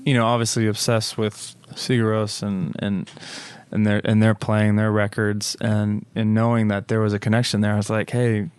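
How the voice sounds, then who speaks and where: A man musician reflects aloud in a slightly low, smooth voice, pausing with fillers and restarting his thoughts. The recording is dry and close, with no room echo. He sounds like a guest in a relaxed podcast chat. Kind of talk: casual interview chat.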